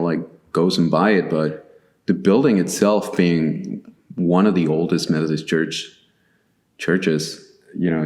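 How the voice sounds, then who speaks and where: A Chilean man with a low-pitched, somewhat mellow voice chats casually as a guest artist in a large, empty church sanctuary. He's hesitant, with lots of fillers and restarts, and the big room makes everything echo.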